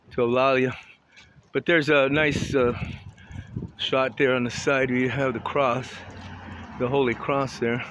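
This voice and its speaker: A man in his sixties from Southern California, chatting in a rambling, opinionated way with many restarts as he walks around a town outdoors. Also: mid-range voice. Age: 60s. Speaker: vlogger. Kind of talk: casual walking commentary. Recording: outdoor street noise with passing traffic.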